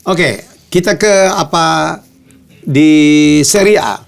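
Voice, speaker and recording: Man, indonesian accent, sports show host, gravelly voice, animated pitch, short questions, agreeing murmurs. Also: slow pace. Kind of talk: casual football chat.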